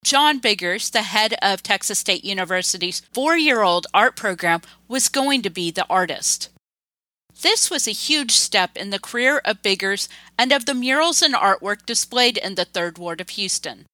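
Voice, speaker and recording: A woman giving scripted documentary narration in a measured, even manner. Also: mid-range voice, no echo, poor audio. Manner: measured, reads quotes aloud. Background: music.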